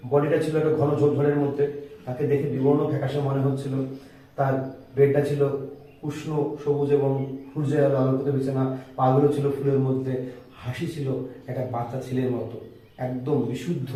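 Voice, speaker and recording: A man teaching an exam-prep lesson on a poem, speaking slowly and dictating, mixing English and Bengali. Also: medium pitch, warm tone. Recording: very echoey room, voice from far off.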